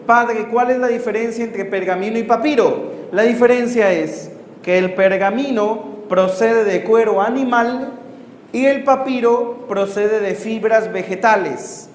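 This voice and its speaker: A man, a missionary priest, teaches a Bible course to a class. He asks rhetorical questions, corrects himself and pauses to write on the board. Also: high voice. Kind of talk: classroom lecture with questions to students. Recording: roomy hall reverb, faint background noise.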